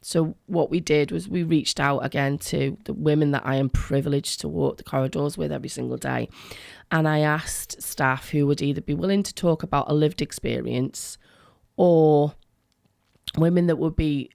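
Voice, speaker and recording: A middle-aged woman with a creaky voice, talking earnestly and emphatically as a guest in a radio interview. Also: low voice, steady tone, normal speed, darkish tone, no room sound, clean studio sound. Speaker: education worker, interview guest.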